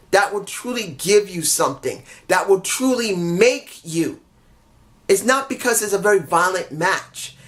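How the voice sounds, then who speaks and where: Under the weather with a stuffy head cold, a wrestling show reviewer talks in a high-pitched, fairly bright tone. It's a casual, meandering solo review where he keeps fixing his own mistakes, apologizing for mix-ups, and grumbling in annoyed asides.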